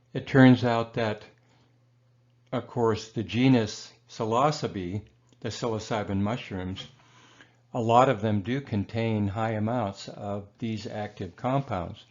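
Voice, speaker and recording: A man narrates a slideshow lecture in a loose, easygoing way, often pausing on fillers and correcting himself mid-phrase. His voice sits fairly low, and the recording sounds a little dull and muffled. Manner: relaxed, rambling, with frequent fillers and self-corrections. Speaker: herbalist lecturer.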